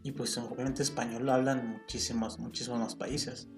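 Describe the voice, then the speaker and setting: Faint guitar plays behind this roomy recording of a solo podcast, hosted by a man with a Mexican Spanish accent. He talks at a normal speed in a medium-pitched, level voice, earnest and opinionated, working through his thoughts with small restarts.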